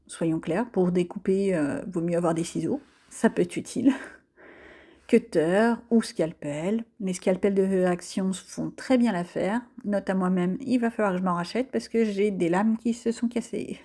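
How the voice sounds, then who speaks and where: A woman's voice: medium pitch, normal speed, hardly any pauses, dark tone, slightly rough. A French-accented woman chatting casually through a crafting tutorial, self-deprecating and full of fillers. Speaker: crafting vlogger.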